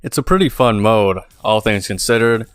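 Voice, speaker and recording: A man hosting his gaming channel, talking in a monotone, rambling commentary full of fillers as he plays. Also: fairly low pitch, moderate pace, slight background noise. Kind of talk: casual gameplay commentary. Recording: game music playing under the voice.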